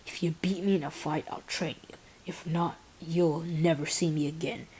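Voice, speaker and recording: A woman voicing an aloof adult male ninja who speaks in a flat monotone, curt and dismissive. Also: deep voice, moderate pace, slight background noise, lightly acted, rough recording.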